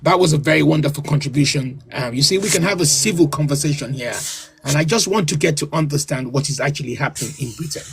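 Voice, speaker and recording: A man's voice: a little high, vocal fry, a bit bright, a little hiss or hum. A man hosting a live stream, chatting with callers in a friendly way and asking probing questions with repeated words.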